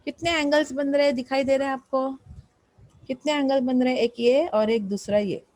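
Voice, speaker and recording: A woman's voice: high-pitched, fairly even intonation, normal speed, darkish tone, slight background noise, rough recording. A woman math teacher explaining a lesson, patiently repeating questions and prompting students to answer.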